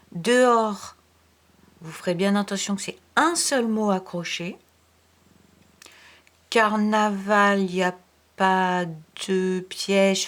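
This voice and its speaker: A woman teacher giving a remote spelling lesson to young children, patient, spelling out letters one by one and dropping into soft asides. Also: mid-range voice. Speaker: primary school teacher.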